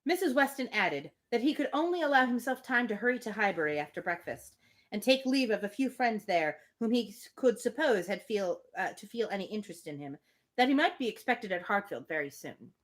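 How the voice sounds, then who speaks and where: On a livestream, a woman reads a novel aloud and keeps breaking off for casual, opinionated asides. Her medium-pitched voice has lively intonation and a fairly quick pace.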